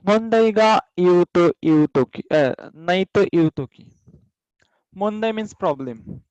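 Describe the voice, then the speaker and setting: A man's voice: sits high, very slow, a little mellow, no room sound. A male language teacher in an online class who patiently repeats each word and explains it in two languages, over a video call. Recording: dull video-call audio.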